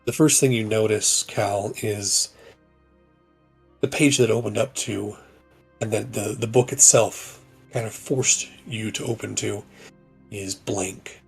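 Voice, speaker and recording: A man narrating a tabletop game as game master, in slow, measured descriptive narration over faint music. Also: on the low side, steady tone, vocal fry, husky.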